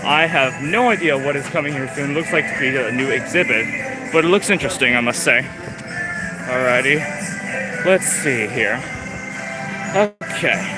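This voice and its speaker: With long pauses and a moderate pace, a young vlogger in a mid-range voice wanders a theme park on an outdoor phone livestream. He sounds winded and talks in a rambling, chatty way full of fillers, against loud park music.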